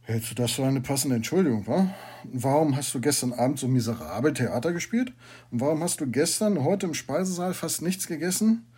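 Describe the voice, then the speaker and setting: A man voicing a brisk, gruffly kind middle-aged teacher with a husky voice. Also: mid-range voice, expressive. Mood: questioning. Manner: brisk and gruffly warm, emphatic.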